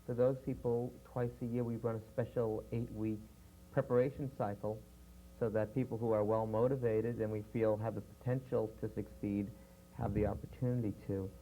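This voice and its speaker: A man with a fairly low, mellow voice lays out the details of a training program, measured and explanatory, with the odd "uh" along the way. He is heard from a worn VHS tape copy with a faint hiss and hum underneath. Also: little pitch movement, rough recording. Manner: measured, explanatory, with frequent fillers.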